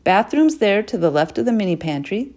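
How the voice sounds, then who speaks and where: A woman voicing a spry, bossy grandmother who is proud and folksy, talking in a brisk, chatty drawl. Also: medium pitch, big pitch swings, darkish tone.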